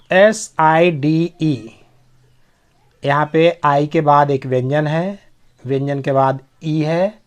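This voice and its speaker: A man teaches English pronunciation in a deliberate, unhurried way. His voice sits a little high for a man, and he spells each word out letter by letter and repeats it. He keeps checking that his students are following along.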